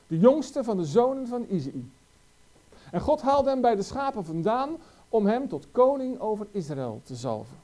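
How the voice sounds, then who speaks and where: A preacher delivers a sermon in a warm, dark voice. The pitch swings widely as the preacher presses question after rhetorical question on the listeners. The delivery is earnest and emphatic throughout.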